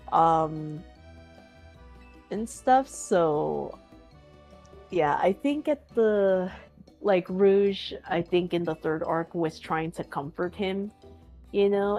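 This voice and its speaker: A woman's voice: on the low side, darkish tone. A woman chatting casually on a stream, rambling with many fillers and frequent giggles. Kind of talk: casual chat.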